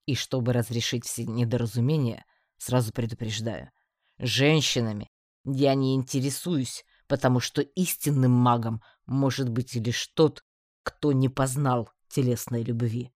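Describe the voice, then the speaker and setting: A reader voicing a stern, prim male mage in an audiobook, measured and lofty. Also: mid-range voice, fairly even intonation, a little mellow, dry recording, studio quality, lightly acted.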